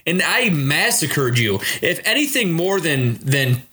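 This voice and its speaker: A man's voice: on the high side, sing-song, slow pace, sharp tone, slight background noise. Teasing man podcast co-host. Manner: teasing, playful banter. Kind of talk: casual wrestling prediction chat.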